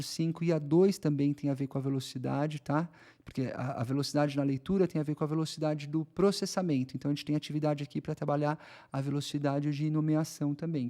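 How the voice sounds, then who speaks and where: A man's voice: on the high side, steady tone, a little fast, few pauses, darkish tone. A man with a Brazilian Portuguese accent explaining a reading lesson to teachers in a conversational way, often checking in with his listeners. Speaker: educator.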